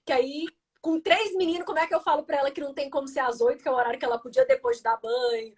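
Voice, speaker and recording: This Brazilian woman, a host, journalist and communication coach with a Brazilian Portuguese accent, races through her live stream in a high voice full of lively intonation. She explains ideas about feelings and reads out viewer comments, keeping an encouraging teaching tone.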